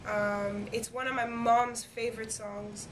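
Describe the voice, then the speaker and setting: A young woman from Montreal, Quebec, whose first language is French, eagerly answers interview questions as a singing competition winner, with plenty of fillers and restarts. Her voice is on the high side, level in tone and unhurried. The recording has noticeable background noise.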